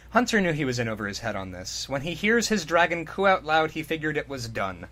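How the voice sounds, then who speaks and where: Co-hosting a podcast's comic story reading, a man narrates dramatically and keeps breaking into mocking, exclamatory, sweary asides. He speaks at a normal speed in a bright, forceful voice on the high side, with big pitch swings.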